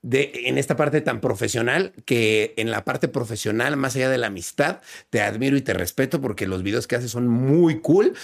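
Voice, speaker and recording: A Mexican man hosts a casual podcast, warmly encouraging his guest. His voice has a gravelly, fry-tinged texture. He often chimes in with quick agreeing replies. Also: mid-range voice. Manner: encouraging, frequent short backchannel replies. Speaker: podcast host.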